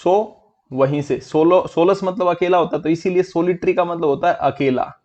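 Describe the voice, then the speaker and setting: A man's voice: high voice, normal speed, darkish tone. Man, online vocab teacher, chatty and friendly, mixes Hindi and English, muffled recording. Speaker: exam prep teacher.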